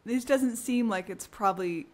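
A woman hosting a podcast in casual conversation, relaxed and thoughtful, hedging often with filler words. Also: fairly high pitch, moderate pace. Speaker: podcast host.

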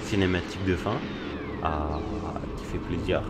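A man playing a video game and commenting casually, excitable and slangy, swearing at the game now and then. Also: low-pitched, unhurried, heavy background noise. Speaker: gaming youtuber. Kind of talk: casual let's play commentary.

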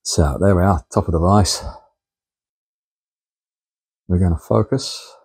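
A man's voice: sits low, takes it slowly, a little mellow, husky. A man hosting a model engineering workshop show, chatting viewers through each step as he works at his machines. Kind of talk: casual workshop demonstration. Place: home workshop, indoors. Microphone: camera on a tripod.

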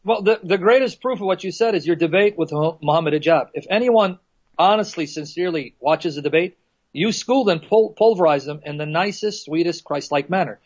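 Emphatic high-voiced man, lo-fi call. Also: fairly quick, a little mellow. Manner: emphatic, insistent. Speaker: guest debater. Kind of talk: live online discussion.

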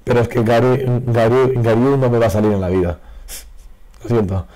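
With a medium pitch and moderate pace, a card game video creator offers relaxed commentary while opening packs. Hoarse and losing his voice, he still reacts loudly and excitably to each pull over a faulty mic.

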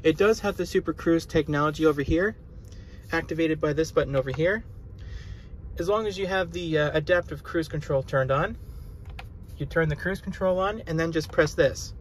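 A man's voice: on the high side, normal speed, a little hiss or hum. Easygoing man showing off a car. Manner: plain, easygoing show-and-tell with frequent "uh" fillers. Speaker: car reviewer. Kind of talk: casual car walkaround video. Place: around and inside a parked car.

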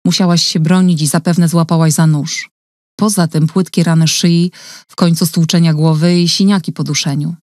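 A woman voicing a gentle, caring woman who speaks softly and calmly in an audiobook reading. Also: low voice, moderate pace, no echo, studio quality, lightly acted. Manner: soft, calm, reassuring.

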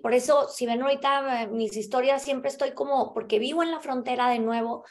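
A young woman with a Mexican Spanish accent tells her personal story straight to a camera in a small indoor room. Her voice sits a little high, and she talks in an animated way. She keeps checking in with her listeners as she goes. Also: a little fast. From US-Mexico border (El Paso, Texas). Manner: animated, gesturing with both hands, many filler tags like "¿verdad?". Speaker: motivational speaker.

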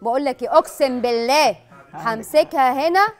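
A woman's voice: high-pitched, a little fast. An Egyptian woman hosting a prank show, taunting and combative in a staged heated argument. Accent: Egyptian Arabic.

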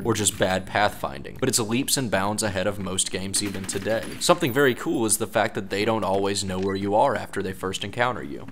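A man with a low voice narrates a scripted video game review. He speaks in a measured, opinionated manner, like someone reading a prepared essay. Clear noise and game ambience sit behind his voice.

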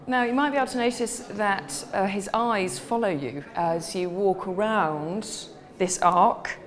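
Woman presenting a travel show. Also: fairly low pitch. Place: indoor museum exhibits.

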